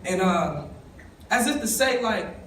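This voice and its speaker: Standing away from the mic in a roomy, echoing conference hall, a young summit speaker from East Baltimore shares his own story in a high, fairly bright voice, with a faint room hum behind him. He is animated but unhurried, emotional and conversational, speaking straight to the audience.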